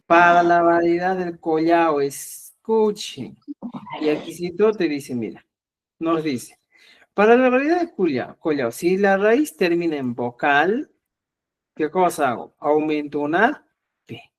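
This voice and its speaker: A middle-aged man leads a live online language class. His voice sits a little high for a man. He goes over each point patiently and keeps asking students whether they follow. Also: expressive, unhurried. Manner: patient, repetitive, checks understanding with frequent "ya?". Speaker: Quechua language teacher.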